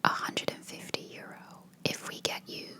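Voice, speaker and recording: A woman whispering in a hushed voice, chatting casually in a rambling ASMR style. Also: moderate pace. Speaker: ASMR video creator.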